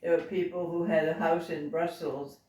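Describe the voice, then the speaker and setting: A very old woman in her nineties from Belgium, recalling her past informally and haltingly as she searches for words. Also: deep voice, little pitch movement, dark tone. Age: 90s. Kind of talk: informal oral reminiscence. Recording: roomy home recording, distant mic, faint noise.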